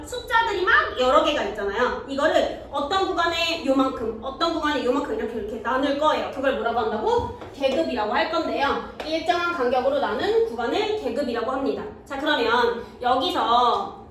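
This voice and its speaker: A woman teaching middle school math in a classroom, often stopping to check whether students follow. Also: sits high. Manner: checks understanding with quick questions to students. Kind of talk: classroom lecture. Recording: very echoey room, mic far off, faint noise.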